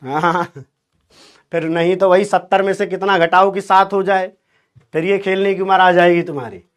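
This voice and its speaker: A man teaching chemistry in an online class, animated and teasing, quizzing his students. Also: high-pitched, moderate pace.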